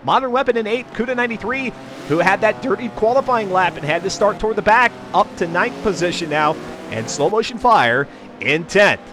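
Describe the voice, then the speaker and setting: Brisk and expressive, this high-pitched man hosts a racing stream, delivering live, folksy announcer chatter sprinkled with jokes. Engines and race sounds can be heard behind his voice.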